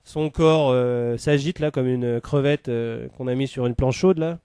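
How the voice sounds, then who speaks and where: A man's voice: mid-range voice, unhurried, mellow, clear, resonant tone, dry recording. A man telling a comic story in a rambling monologue, full of hesitations and fillers.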